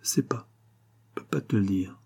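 A man voicing a sad, timid schoolboy who answers in hushed, clipped replies. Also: medium pitch, fairly even intonation, fairly quick, slightly rough, voice pushed up, natural voice. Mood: sullen.

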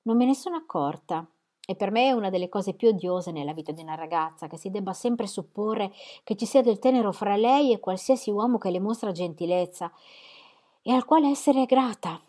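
A woman voicing a spirited, sharp-witted young woman in an audiobook, her lines brisk and pointed and pitched above her narration. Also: animated, lightly acted. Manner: brisk and pointed, higher and louder than the narration. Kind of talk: audiobook reading.

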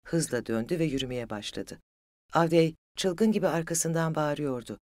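Steady audiobook narrator, dry close sound. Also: medium pitch, moderate pace, no echo.

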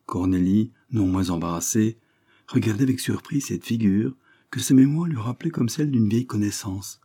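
A man narrating a classic novel as an audiobook, in a measured literary reading. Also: fairly low pitch, warm tone, breathy edge. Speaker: audiobook reader. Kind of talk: scripted narration.

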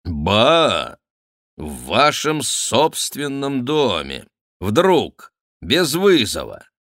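A man reading aloud puts on a sly young courtier who answers every threat with cool, polite mockery. The voice is bright and lively, swinging up and down in pitch with ironic amusement. The sound is dry and close. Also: drawn-out words, dry recording, exaggerated voice. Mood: mocking. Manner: ironic, teasing, politely insolent. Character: mocking cool young male courtier, a nobleman. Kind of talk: audiobook character reading.

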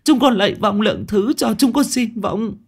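A man voicing a shrill, nagging middle-aged village wife in a ghost story. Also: normal speed, slightly rough. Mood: pleading.

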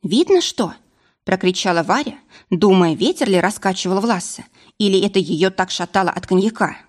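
A woman narrating an audiobook in an expressive, lively storytelling manner. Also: mid-range voice, brisk.

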